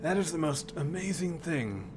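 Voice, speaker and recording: A man voicing a very old, frail, awestruck man in a breathy voice for a tabletop game. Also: fairly high pitch, big pitch swings, normal speed, background noise, pitched above the performer's own voice. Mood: awed.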